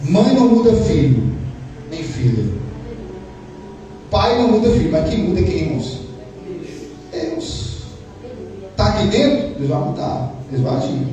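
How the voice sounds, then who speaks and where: A male pastor preaching a sermon in a church hall, fervently, with rhetorical questions and repeated phrases that drop into hushed prayer. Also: high voice, sing-song, unhurried, pauses often. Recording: echoey hall, voice from a distance, faint noise.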